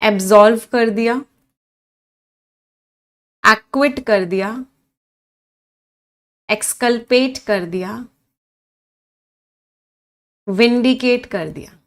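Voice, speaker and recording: A woman's voice: fairly high pitch, extremely slow, long pauses, fairly bright tone. A woman teaching English vocabulary in an online class, quizzing her students, praising their answers and switching between Hindi and English as she spells words out.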